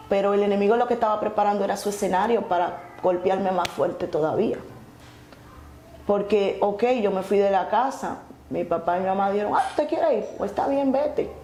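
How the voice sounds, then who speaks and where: A woman telling her testimony earnestly, halting and restarting often. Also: mid-range voice, creaky, mellow. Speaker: guest sharing her testimony. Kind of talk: emotional personal testimony. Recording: echoey room with faint noise.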